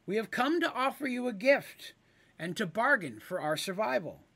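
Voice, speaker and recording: A man's voice: high-pitched, sing-song, normal speed, creaky, fairly bright tone, no room sound, voice pushed up, heavily acted. A man voicing a bold, cheerful little woman who schemes and bargains with a monster in a fantasy tale. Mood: persuasive.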